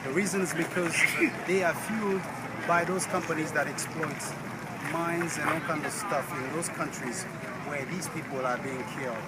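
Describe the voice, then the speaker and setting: Man, slightly high voice, urgent open-air appeal, phone mic, heavy outdoor noise. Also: normal speed. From Democratic Republic of Congo. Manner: earnest and urgent, hesitant with frequent fillers. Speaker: activist speaking to camera. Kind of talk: impassioned outdoor address to camera. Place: outdoors on a large public mall. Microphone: phone camera. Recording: loud outdoor background noise.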